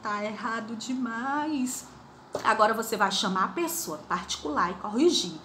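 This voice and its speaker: A middle-aged woman teacher, giving a recorded video lesson to children, stretching words slowly and repeating the rules. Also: on the high side, expressive, a bit bright, roomy sound, a little hiss or hum. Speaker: primary school teacher.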